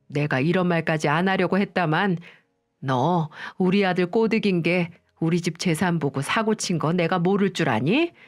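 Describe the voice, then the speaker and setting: A woman's voice: medium pitch, natural voice. A woman voicing a harsh, bossy middle-aged mother-in-law who scolds with contempt, in a storybook radio reading.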